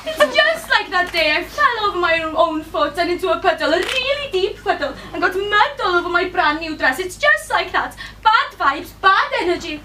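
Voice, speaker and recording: Here is a scatterbrained, jilted young bride with a very high, bright, lively voice. She is heard from a distance on a theatre stage, with faint room noise around her. She sounds flighty and self-pitying. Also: moderate pace, few pauses, heavily acted.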